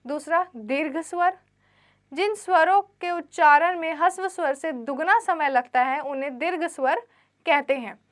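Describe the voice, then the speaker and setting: A woman teacher giving a grammar lesson to children, reading textbook lines and then re-explaining them simply, asking quiz questions and answering them herself. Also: sits high. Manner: drawn-out letter recitation.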